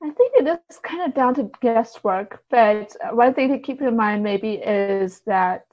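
This woman's voice is a little high and a little slow. She's a guest on a podcast, explaining things in a casual, tentative way with lots of hedging and frequent "like"s, and the audio is dull and slightly lo-fi.

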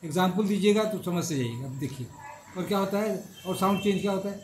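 A man's voice: high-pitched, expressive, fast, slight background noise. A middle-aged male professor lecturing a class, repeating each point and checking that students follow. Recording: echoey classroom with faint ambience.

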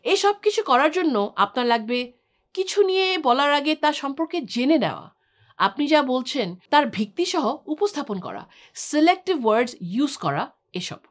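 Bright-voiced woman explaining with lively pitch. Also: normal speed. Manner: clear, explanatory, lists points one by one. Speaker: English trainer. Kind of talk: scripted instructional talk.

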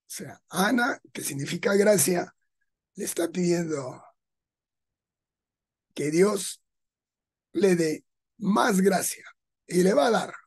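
A man preaches slowly and deliberately. His voice is slightly husky, and he explains each point with small rhetorical asides. The tone is that of a pastor teaching his congregation. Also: sits high. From Peru. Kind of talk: sermon.

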